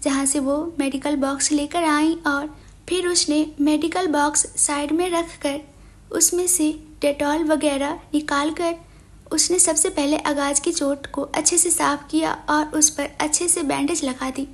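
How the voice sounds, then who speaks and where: A woman narrating a romance story in a scripted audio book, with an even storytelling delivery. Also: sits high, measured pace.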